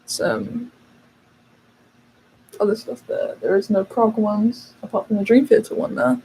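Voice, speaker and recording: A woman's voice: mid-range voice, very animated, a little slow, warm tone, a little hiss or hum, rough recording. A young British woman hosting a casual livestream, chatting and answering viewers' questions with lots of fillers. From United Kingdom. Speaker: channel host.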